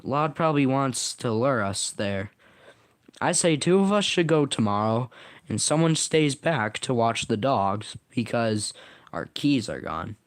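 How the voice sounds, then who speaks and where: A man's voice: medium pitch, very animated, unhurried, no room sound. A man reading a plain young hero.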